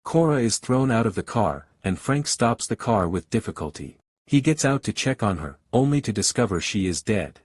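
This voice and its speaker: Male recap narrator, husky and lowish, steady scripted read, dry close sound. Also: normal speed, no room sound.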